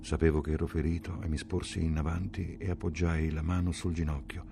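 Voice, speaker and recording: A man reading a novel aloud as an audiobook, in a measured, slow and grave dramatic narration. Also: extremely low pitch, flat delivery, gravelly, background noise. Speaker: audiobook reader.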